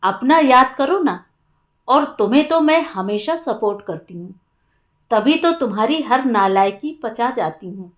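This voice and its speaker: A woman voicing a cheeky young sister-in-law who teases and mixes English words into her speech, in a higher, slow voice. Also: animated. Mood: teasing.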